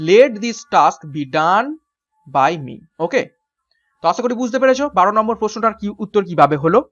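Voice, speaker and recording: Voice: medium pitch, dull audio. A teacher giving an exam-prep grammar lesson, explaining each step and answering their own questions along the way. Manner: spells words out letter by letter. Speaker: English teacher.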